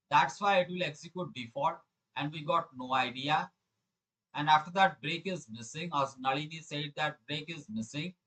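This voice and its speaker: A man's voice: on the high side, a bit bright, rough recording. A middle-aged man with an Indian accent teaching a live programming lesson, repeating phrases for emphasis and questioning his students. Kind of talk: live online lesson, explaining quiz questions.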